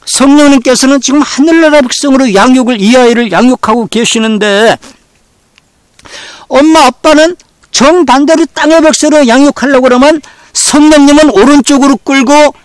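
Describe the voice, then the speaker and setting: A man's voice: very high-pitched, normal speed, no room sound. A man preaching a sermon as pastor, repeating phrases again and again and firing rhetorical questions at the congregation. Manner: repeats phrases over and over for emphasis.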